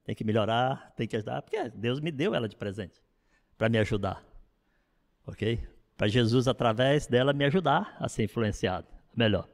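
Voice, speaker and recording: A middle-aged man, a pastor, preaching a sermon in an animated, conversational way with frequent asides to the congregation. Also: medium pitch, moderate pace, vocal fry, long reverb tail.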